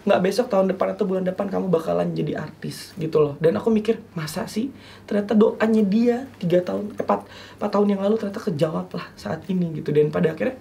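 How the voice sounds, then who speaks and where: A young man, a talk show guest, telling a personal story in a halting, earnest way and acting out remembered dialogue. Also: sits high, gravelly, darkish tone, a little hiss or hum.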